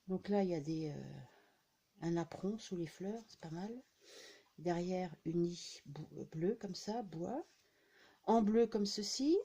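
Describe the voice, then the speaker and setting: A woman's voice: lowish voice, mellow, husky. A woman casually showing off her craft purchases to her viewers, talking in a chatty way with frequent filler words. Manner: chatty, many fillers and "hein" tags. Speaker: scrapbooking vlogger. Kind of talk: casual haul show-and-tell.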